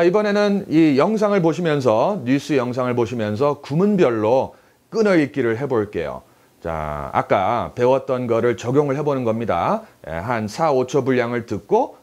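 A man teaching English read-aloud, explaining and then demonstrating phrases with strong stress and pauses. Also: mid-range voice, darkish tone. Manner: breaks phrases apart, stresses words to model rhythm. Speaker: English teacher and former news anchor. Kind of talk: instructional explanation with demonstration readings.

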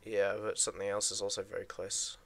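A man chatting casually with a friend while playing a video game, teasing and quick with remarks. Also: on the low side, level tone, creaky, a bit bright, slight background noise. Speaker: gamer. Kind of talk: casual gameplay chat.

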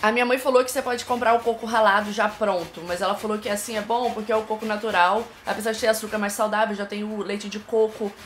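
A woman's voice: medium pitch, level tone, quick pace, hardly any pauses, faint music behind. A woman in her thirties chatting casually and joking at her own expense in a cooking vlog, filming herself with a phone at arm's length in a home kitchen. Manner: chatty, joking, self-mocking. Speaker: vlogger. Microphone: phone held at arm's length.

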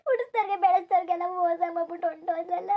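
Cartoon: a woman doing a shrill, fast-talking village mother, bitter and lamenting. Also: fairly even intonation, phone-quality sound. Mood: scolding. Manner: lamenting, scolding, sobbing in bursts. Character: grieving village mother, middle-aged, bitter and wailing. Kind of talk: cartoon dubbing.

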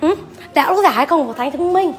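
High-pitched woman arguing loudly in a temple. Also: animated, fairly quick. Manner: arguing back loudly, protesting and appealing to bystanders. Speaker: worshipper, mother. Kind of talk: heated real-life argument. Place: large temple hall. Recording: echoey hall, faint crowd.

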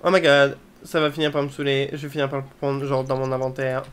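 A woman's voice: very deep voice, flat delivery, fast talker, smooth. A woman chatting casually as she plays a life-simulation game, swearing and dropping English exclamations. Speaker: video game let's player. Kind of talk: casual gameplay commentary.

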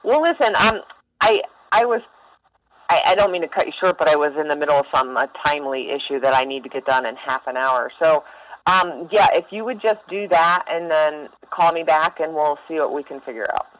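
Over the phone, a woman staffing a mental health helpline keeps things blunt and informal in a casual call. Her low voice is brisk and fairly bright, and the telephone recording sounds dry.

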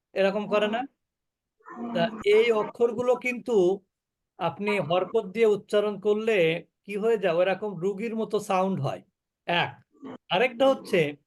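A man teaching a recitation class, asking his students questions and answering them himself, sometimes drawing out words as examples. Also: high-pitched. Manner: drawn-out sung examples. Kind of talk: interactive class lecture with call-and-response questions.

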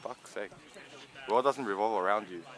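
A man's voice: fairly low pitch, moderate pace, a bit bright. A young man filming a vlog behind the scenes, teasing and joking with swearing. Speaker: vlogger, holding the camera. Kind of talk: casual chat.

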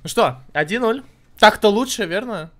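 A young man giving casual, excitable live commentary while streaming a video game. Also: high voice, moderate pace, faint music behind. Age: young adult.

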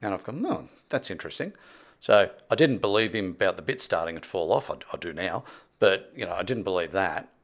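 An interview guest in his sixties, known for property development, recounts stories emphatically and conversationally in a low, expressive voice at a brisk pace. The small indoor podcast studio has him on a close boom-arm mic with headphones.

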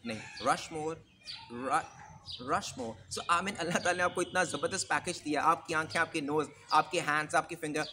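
A man's voice: fairly high pitch, steady tone, normal speed, pushed and bright, slight background noise. A man teaching English pronunciation in Urdu mixed with English, modeling sample phrases for learners. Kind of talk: Urdu-English accent lesson.

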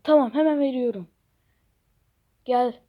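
A woman with a high voice narrates a playful toy story at an unhurried pace. She drops into hushed whispers and jumps to excited shouts. The recording is slightly dull and lo-fi.

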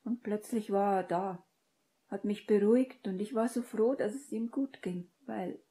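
A woman reading an audiobook and voicing a distraught, guilt-ridden young witch in a breathy, pleading whisper. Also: medium pitch, unhurried, mellow, pitched above the performer's own voice, lightly acted. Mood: anxious.

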